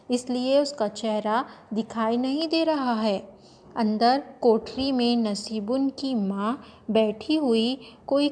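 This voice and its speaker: Slow, careful woman teacher reading aloud. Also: a little high, darkish tone, long reverb tail. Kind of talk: reading a play lesson aloud.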